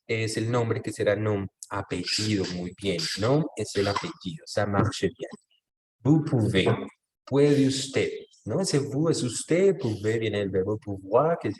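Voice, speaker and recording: A man with a lowish voice leads an online language class over a video call. He speaks patiently, drops short French phrases into his explanations and keeps asking whether everyone is following. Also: takes it slowly, darkish tone. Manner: patient, often checks understanding with tag questions. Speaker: French teacher.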